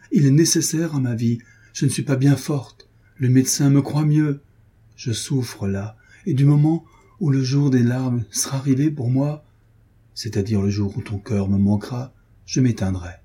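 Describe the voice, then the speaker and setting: A man's voice: mid-range voice, dark tone, breathy edge. A man voicing a frail, devoted young duchess in an audiobook, speaking in a pleading, heartfelt way. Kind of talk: audiobook character reading.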